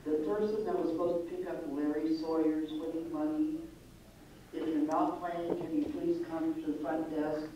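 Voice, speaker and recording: A man from the venue staff making a polite public address announcement over a venue loudspeaker in a large indoor hall. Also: fairly high pitch, fairly even intonation, moderate pace, noisy background. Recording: echoey, dull loudspeaker from far off.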